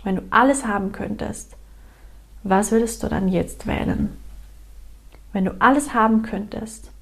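A woman with a medium-pitched voice acts as a meditation guide. She speaks straight to the listener, giving gentle instructions. Her phrases often repeat as invitations. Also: unhurried, creaky.

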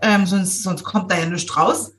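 A middle-aged woman from Swabia with a Swabian German accent, chatting casually, lively and self-mocking, laughing often. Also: on the low side, unhurried, slight background noise. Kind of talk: casual chat.

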